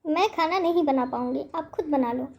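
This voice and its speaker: A woman's voice: sits high, brisk, creaky, slight background noise. A woman voicing a rude, lazy young daughter-in-law in a cartoon story, snapping dismissively. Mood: snappy.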